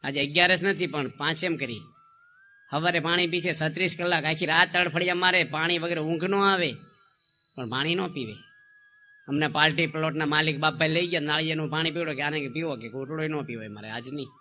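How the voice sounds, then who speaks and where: A man, a monk, preaching a devotional sermon and telling stories, rising loud for emphasis and dropping low for asides. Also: steady tone, a little fast, slight background noise.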